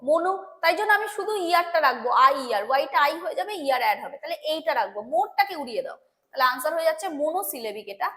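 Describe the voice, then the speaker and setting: A woman with a Bengali accent runs an exam-prep grammar lesson in English, explaining patiently, repeating points and often checking that her students follow. Her voice is high and bright, with big pitch swings, a racing pace and a forceful tone.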